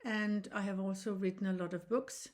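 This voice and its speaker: A Danish woman in her sixties, a reflexology teacher speaking English as a second language, explaining in an earnest, halting way with frequent restarts. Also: mid-range voice, steady tone, darkish tone. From Denmark. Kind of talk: informal online lesson.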